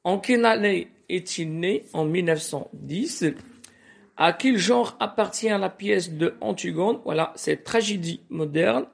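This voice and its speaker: Moroccan-accented male teacher, halting and hesitant delivery, gravelly tone. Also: sits high. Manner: hesitant, halting, many fillers. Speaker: French teacher. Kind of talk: recorded lesson.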